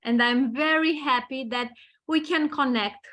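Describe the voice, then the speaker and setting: Romanian-accented woman, webinar host, slow unhurried delivery, slightly high voice, video call audio. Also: fairly bright tone. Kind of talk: online presentation introduction.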